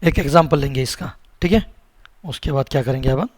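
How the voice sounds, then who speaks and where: A programming instructor with a sore throat teaches a screen-recorded coding lesson, repeating words many times as he types and posing questions to viewers. His medium-pitched voice is fairly quick, with no echo.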